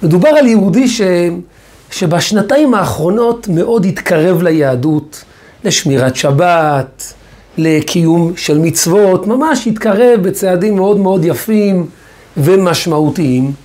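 A man's voice: high-pitched, animated, darkish tone. A man as a rabbi telling a teaching story, leans on words by repeating them. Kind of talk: Torah lesson.

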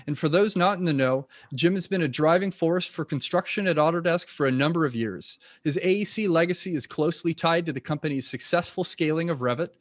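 Male podcast host, higher voice, dry close sound, friendly questions. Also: no room sound. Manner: friendly, scripted introductions with some restarts. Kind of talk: podcast interview hosting.

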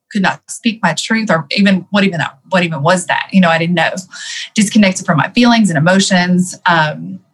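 As an interview guest, a woman tells her life story candidly and reflectively, filling it with plenty of "um"s and "you know"s. She has a mid-range voice, and the recording is rough.

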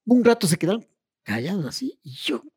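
A man's voice: high voice, brisk, slightly rough. A middle-aged man, animatedly telling stories from his school days in casual chat and acting out the scenes. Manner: animated, acts out scenes with shouts, laughter and mimicked voices.

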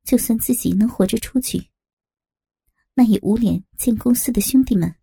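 Gravelly woman narrating a crime audiobook. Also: on the high side, normal speed. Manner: steady dramatic storytelling.

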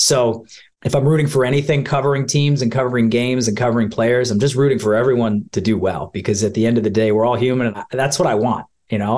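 Chatty middle-aged sportscaster, a man. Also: mid-range voice. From Ohio, USA. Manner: chatty, warm storytelling with laughs. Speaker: sportscaster guest. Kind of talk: casual interview conversation.

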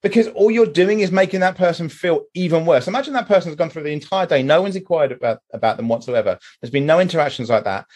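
Emphatic husky British man. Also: on the high side, quick pace, hardly any pauses. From Britain. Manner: animated, emphatic ranting with swearing. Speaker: podcast host, mental health charity chair. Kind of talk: casual discussion.

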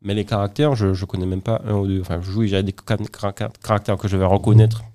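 A man's voice: lowish voice, fairly even intonation, fast talker, dark tone. A man speaking as an interview guest in casual conversation, often stumbling over and repeating words as he explains. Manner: hesitant, many repeated words and restarts.

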